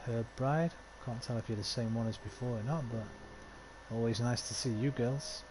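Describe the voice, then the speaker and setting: A man's voice: medium pitch, fairly even intonation, normal speed, background noise. A man streaming a game with a sore throat, chatting casually with viewers, swearing offhandedly and reading the game's dialogue aloud. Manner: swears offhandedly, talks to chat between lines.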